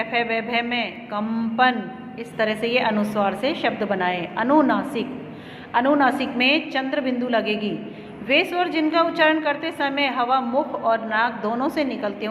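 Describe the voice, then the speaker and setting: A woman teacher giving a slow, step-by-step grammar lesson to children. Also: a little high, a bit bright. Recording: echoey room with long reverb and faint noise.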